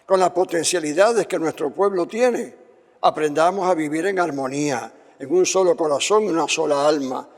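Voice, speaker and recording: A man leading solemn liturgical prayer as a priest, measured and reverent, with cathedral echo. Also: fairly high pitch. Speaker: priest presiding at Mass. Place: large church, amplified.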